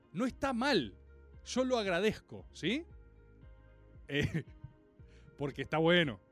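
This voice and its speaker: Brief: Argentine male streamer, high and bouncy voice, teasing and swearing with his chat, then slowing into musings. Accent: Rioplatense Argentine Spanish. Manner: animated, teasing and profane, with slow musing asides. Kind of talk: casual live-stream monologue.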